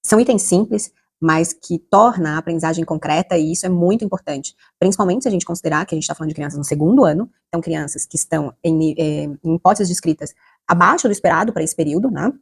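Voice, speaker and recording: A woman's voice: on the low side, fast talker, husky. A woman with a Brazilian Portuguese accent explaining classroom literacy strategies to teachers, with frequent fillers and tag questions. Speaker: literacy educator. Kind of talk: instructional talk to teachers.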